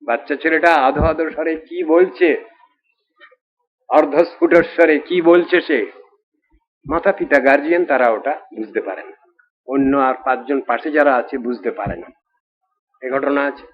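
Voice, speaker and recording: A man's voice: fairly high pitch, fairly even intonation. Man giving a devotional storytelling sermon. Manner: storytelling, chants Sanskrit verses slowly. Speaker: preacher. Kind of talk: devotional scripture discourse. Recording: dull lo-fi recording.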